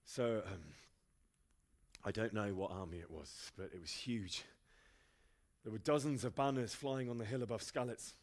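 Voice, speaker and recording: An actor playing a young blacksmith's son in a video game, giving a halting, subdued report. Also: male voice, lowish voice, lightly acted. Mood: shaken. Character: Henry, young blacksmith's son, shaken survivor.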